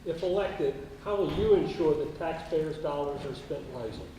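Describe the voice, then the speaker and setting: Formal male moderator, higher-pitched and mellow, echoey distant sound. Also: normal speed, a little hiss or hum. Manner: reads questions formally. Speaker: forum moderator. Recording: echoey hall, distant mic.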